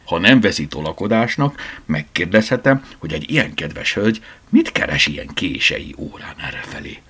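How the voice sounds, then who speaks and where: A man playing a polite, formal older gentleman with gray hair in a storybook. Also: deep voice, sing-song, breathy edge, full character voice. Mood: courteous. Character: courtly gray-haired older gentleman with a deep voice.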